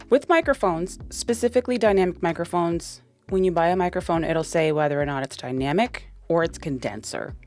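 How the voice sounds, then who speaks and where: A woman's voice: fairly low pitch, darkish tone. Chatty young woman demoing gear. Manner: casual, chatty, many "like" and "um" fillers. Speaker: tech reviewer. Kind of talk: casual product walkthrough. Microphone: dynamic podcast mic.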